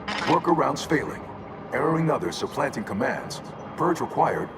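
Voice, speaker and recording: A man's voice: mid-range voice, expressive, moderate pace. A man voicing a malfunctioning male AI in a video game, his speech stuttering and looping on error fragments. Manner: clipped, repeating error fragments. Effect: glitching machine voice with stuttering repeats. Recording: distant voice with loud game noise.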